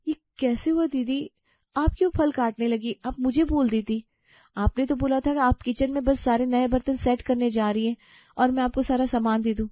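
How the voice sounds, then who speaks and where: A woman voicing a gentle, patient young daughter-in-law in a cartoon story, polite and pleading. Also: mid-range voice, fairly quick, dry recording, natural voice. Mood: anxious. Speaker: voice actor. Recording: dry, slightly dull audio.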